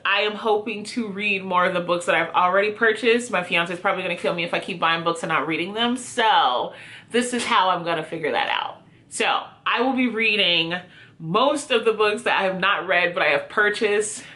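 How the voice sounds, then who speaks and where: Her voice sits in the mid-range, sharp in tone and delivered at a normal pace. As a book reviewer video host, she chats informally to viewers, answering prompts and making light of herself.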